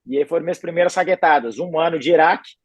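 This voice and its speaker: A man in his forties from Belo Horizonte, a retired tennis player, telling his story in a calm, easygoing way as a podcast guest. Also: on the high side, racing, dry recording. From Belo Horizonte, Brazil. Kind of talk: relaxed interview storytelling. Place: podcast studio.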